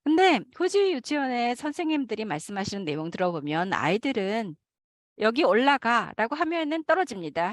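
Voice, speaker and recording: A woman interprets a lecture live, her fairly high voice rising and falling with lively swings. She keeps going through frequent hesitant fillers while she finds her words. The recording is dry and close, with no room sound. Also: dry recording.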